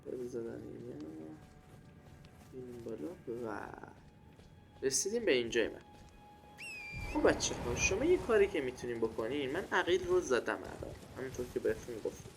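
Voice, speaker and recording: A man's voice: mid-range voice, sing-song, gravelly, long pauses. Man commentating gameplay over music. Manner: informal running self-talk, addressing viewers. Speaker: gaming video host. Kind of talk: casual live game commentary. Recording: game music behind the voice. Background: loud game music.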